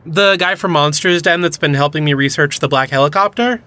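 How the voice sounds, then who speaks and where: A man's voice: a little high, fairly quick, bright, forceful tone. An actor playing an enthusiastic young male cryptid hunter who explains things eagerly in an audio drama. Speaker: lead character.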